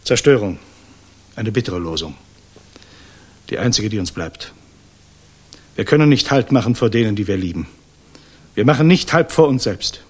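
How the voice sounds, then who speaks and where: A male actor gives an expressive, fairly low, slightly husky performance as a grave, guilt-ridden German resistance idealist in a 1960s radio drama. He speaks solemnly and deliberately, pausing weightily, in a resolute and sombre mood.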